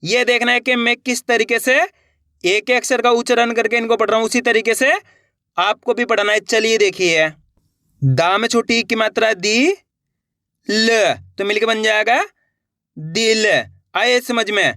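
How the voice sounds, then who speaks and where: A man's voice: high-pitched, steady tone, pushed and bright, dry recording, studio quality. A man teaching a beginner reading lesson, sounding out syllables one by one and often checking that the learner follows. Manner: slow, drawn-out syllable drills with repeated checks for understanding.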